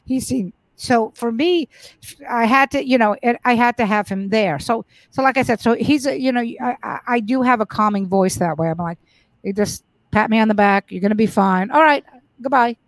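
A comedian guest, a middle-aged woman with a fairly high voice, shares stories in a casual interview, speaking frankly at a normal speed and swearing a lot. She often stumbles and restarts her words, and the close, dry sound carries no echo.

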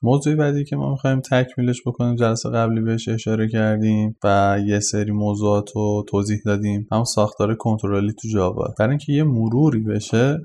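Relaxed man teaching programming casually. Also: fairly low pitch, few pauses, faint music behind. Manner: conversational, self-deprecating, uses many fillers like "for example". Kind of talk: casual explanatory lesson.

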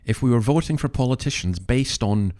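A man's voice: mid-range voice, animated, brisk, dark tone. A man hosting an opinionated commentary, speaking in an earnest, emphatic, moralising way with rhetorical questions. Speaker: commentary podcast host.

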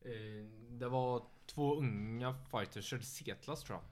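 A young man in his twenties who fights MMA, chatting in a relaxed, loose way with many filler words. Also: medium pitch. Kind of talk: casual podcast chat.

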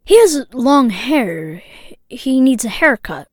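A woman's voice: high voice, sing-song, takes it slowly, dry recording, studio quality, full character voice. A woman playing a blunt little boy caller. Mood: earnest. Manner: simple, blunt childlike phrasing.

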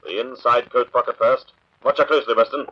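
Man acting the Shadow, husky, menacing invisible avenger. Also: mid-range voice, steady tone, natural voice. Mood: stern, commanding. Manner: slow taunting, commanding delivery. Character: menacing invisible male crime fighter, taunting and commanding. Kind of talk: vintage radio drama acting. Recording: muffled old radio drama recording.

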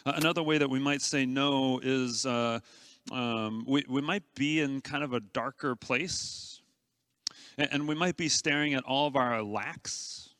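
A man delivers a sermon in an earnest, conversational way, often stumbling and restarting his phrases as he speaks. His voice has a bright, forward edge. It is recorded close and dry, with almost no room sound. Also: medium pitch, measured pace, smooth, dry recording. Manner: earnest, conversational preaching with frequent stammered restarts. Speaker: pastor.

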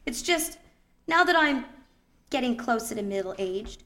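A woman's voice: fairly high pitch, lively intonation, measured pace, sharp tone, full character voice. A woman voicing a vain, scheming middle-aged female skate crime boss in a comedic radio play, theatrical and grandiose. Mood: wistful.

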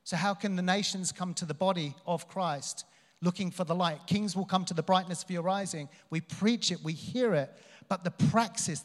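A man preaching a charismatic sermon to a congregation, exhorting them emphatically and motivationally with repeated phrases. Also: high voice. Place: large reverberant room, speaking live to a congregation. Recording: long hall reverb.

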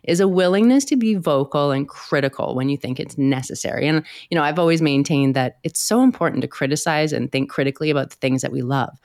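A woman with a creaky, slightly hoarse voice, chatting casually and playfully as a podcast interviewer. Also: deep voice, quick pace, few pauses, darkish tone, dry recording, clean studio sound. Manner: laughs easily, playful. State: hoarse from bronchitis. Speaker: podcast host.

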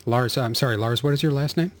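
A man co-hosting a podcast with a mid-range voice. He chats casually, chiming in with quick agreements and jokes with his co-host. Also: medium pitch, a little hiss or hum. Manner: agreeable, joking, with short affirmations. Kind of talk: casual chat.

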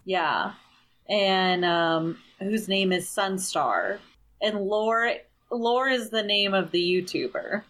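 A woman's voice: mid-range voice, slow, a bit bright. A woman in casual book-club chat, chatty and enthusiastic, saying "like" a lot. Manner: chatty, enthusiastic, says "like" often. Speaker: book club podcast co-host.

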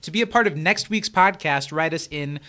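A man's voice: fairly high pitch, a little fast, sharp tone. A man co-hosting a podcast in a casual, chatty style. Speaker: podcast co-host. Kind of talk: casual chat.

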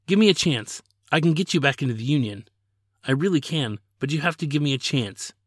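A man's voice: medium pitch, moderate pace, fairly bright tone, no echo, clean studio sound, pitched above the performer's own voice, close to an everyday voice. Man voicing a flustered, pleading young prince.

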